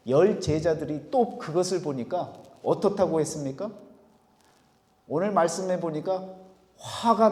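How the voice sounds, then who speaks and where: A man preaching a sermon as pastor, rising to loud emphatic peaks and then dropping to quiet, low phrase endings. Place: church sanctuary. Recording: echoey church hall with long reverb.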